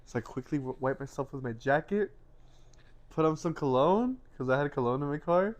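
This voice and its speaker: A man's voice: fairly high pitch, animated, brisk, dull audio. A man co-hosting a podcast, telling a funny story in casual chat and laughing often. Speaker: podcast co-host.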